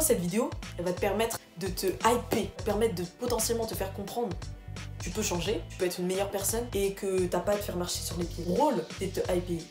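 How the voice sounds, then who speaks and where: Young woman, casual vlog, slangy, addresses viewers directly, roomy echo. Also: mid-range voice. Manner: slangy, animated, talks straight to viewers. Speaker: vlogger. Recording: echoey room with music behind.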